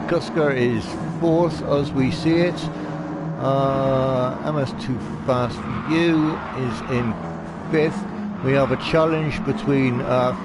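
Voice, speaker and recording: A man giving amateur online racing commentary in a halting, polite and understated way. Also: mid-range voice. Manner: hesitant, halting delivery. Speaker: race commentator. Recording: loud car engine noise behind. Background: racing car engines.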